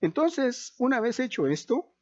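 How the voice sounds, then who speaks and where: A man with a very high-pitched, very animated voice teaches an accounting class, explaining things step by step in an unhurried, slow, deliberate way. He repeats key points and asks himself questions, and the audio is dull.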